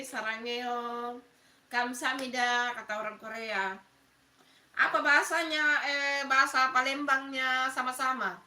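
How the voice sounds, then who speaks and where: A woman's voice: sits high, bright, forceful tone, distant mic. A middle-aged woman from Makassar with a Makassar accent, hosting a casual live stream and chatting with viewers by name. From Makassar, South Sulawesi. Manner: chatty, greets viewers by name, laughs often. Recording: echoey room, voice off-mic.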